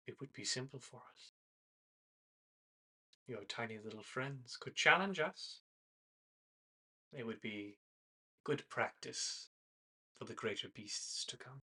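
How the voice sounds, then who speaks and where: A man's voice: medium pitch, pushed and bright, husky, full character voice. Man as a haughty, scornful elven hunter. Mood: cold contempt. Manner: formal, measured, scornful. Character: haughty male elven hunter, taunting and menacing. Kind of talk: tabletop game role-play.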